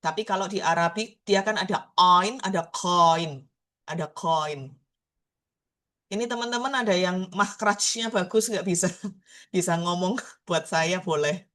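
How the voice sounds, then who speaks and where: A woman's voice: medium pitch, fairly bright tone. A woman with a Surabaya Javanese accent teaching an online language class, patiently repeating each word so her students can copy the pronunciation. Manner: slow, patient, repeats words to drill pronunciation.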